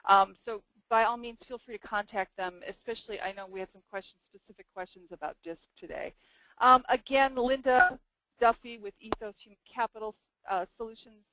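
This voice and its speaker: A woman's voice: fairly high pitch, a little fast, noisy background. A woman moderating a webinar and giving closing remarks, stumbling over her words.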